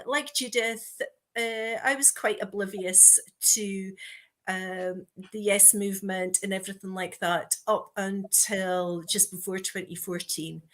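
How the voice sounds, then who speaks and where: A woman's voice: mid-range voice, sharp tone. A woman with a north-east Scottish accent talking casually as a guest in an interview. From Banff, north-east Scotland. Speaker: guest, event organiser.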